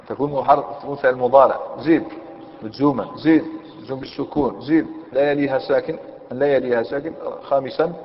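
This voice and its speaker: Male grammar teacher, mid-pitched, methodical with frequent questions to the class; dull recording, long hall reverb. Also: slight background noise. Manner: explains step by step, asks students questions. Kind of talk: Arabic grammar lesson.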